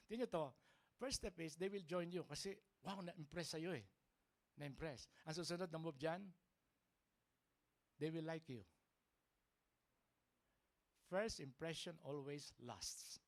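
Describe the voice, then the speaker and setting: A man preaching a sermon as a pastor, mixing Tagalog and English and often checking for the congregation's agreement. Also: fairly high pitch. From Philippines. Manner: lively, keeps asking the congregation for agreement. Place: church service.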